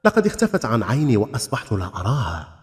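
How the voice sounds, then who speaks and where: A man's voice: mid-range voice, wildly swooping pitch, fast talker. A man voicing a mischievous, merry trickster in a folk tale, with a light, teasing delivery. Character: sly, merry, mischievous male trickster called Mercury. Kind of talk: dramatized folk tale storytelling. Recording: long reverb, music bed.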